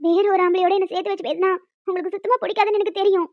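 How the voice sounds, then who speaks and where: A woman's voice: very high-pitched, steady tone, very fast, no room sound. [name], a woman voicing a clingy young wife. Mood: pleading. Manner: emotional, pleading, chatty. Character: young village wife, clingy, pleading, stubborn. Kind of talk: Tamil audio romance drama. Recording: dull dry lo-fi recording.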